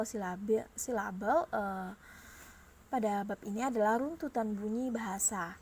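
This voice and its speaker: A woman's voice: a little high, a little mellow, slight background noise. A young woman with an Indonesian accent, a student presenter reading lecture notes aloud carefully, with small slips and restarts. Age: young adult.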